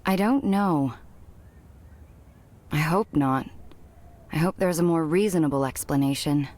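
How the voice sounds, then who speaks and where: A woman's voice: sits low, measured pace, darkish tone. An actress playing an earnest, inquisitive young woman in video game dialogue, speaking sincerely. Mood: worried.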